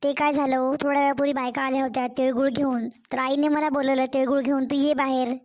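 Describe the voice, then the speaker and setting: Meek young cartoon bride with a Marathwada Marathi accent, high and mild, a woman doing the voice. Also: little pitch movement, quick pace, darkish tone, close to an everyday voice. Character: meek young newly married daughter-in-law.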